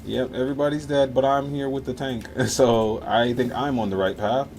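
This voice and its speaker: This American man from Miami, Florida, streams live and talks through his gameplay in a relaxed, casual manner. His medium-pitched voice is steady and a little mellow at a moderate pace, with music and game sounds in the background.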